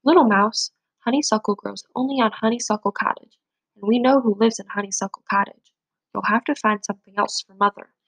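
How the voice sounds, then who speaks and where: A woman's voice: mid-range voice, a little fast, fairly bright tone, breathy edge, dry recording, rough recording. A woman voicing a bossy big-brother mouse. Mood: firm. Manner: firm, in charge.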